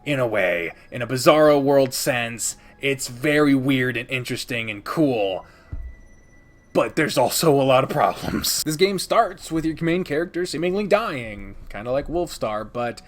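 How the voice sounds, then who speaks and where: A man hosts a casual, partly scripted countdown of video games for his channel, rambling informally, cursing freely, and stating his opinions emphatically. His mid-range voice has lively intonation and a slightly slow pace.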